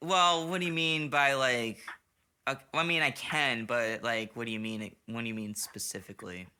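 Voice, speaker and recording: Talking into a studio mic and monitoring himself on headphones, a male podcast host who is a little tipsy rambles through a casual late-night chat. He's profane and keeps restarting. His mid-range voice has a sharp, steady tone at a moderate pace, over slight background noise.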